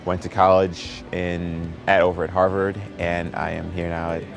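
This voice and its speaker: A man's voice: low-pitched, flat delivery, moderate pace, gravelly, soft background music. A young man from Chicago, a law student, answering interview questions in an earnest, plain-spoken way.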